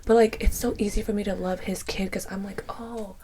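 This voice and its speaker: A young adult woman co-hosting a podcast, speaking softly and reflectively in casual chat, sometimes almost whispering. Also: mid-range voice, level tone, fast talker, a little hiss or hum. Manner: soft-spoken, reflective, trails off. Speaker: podcast co-host.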